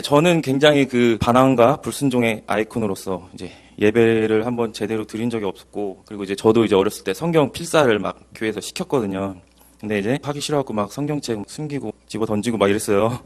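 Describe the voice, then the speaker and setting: A man's voice: fairly low pitch, quick pace. Earnest Korean man giving a Bible lecture. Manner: earnest, animated storytelling. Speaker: evangelist.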